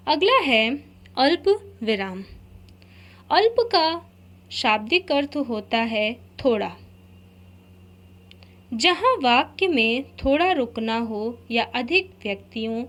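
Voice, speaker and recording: A woman teacher giving a grammar lesson, explaining slowly and carefully and repeating each example. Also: on the high side, a bit bright.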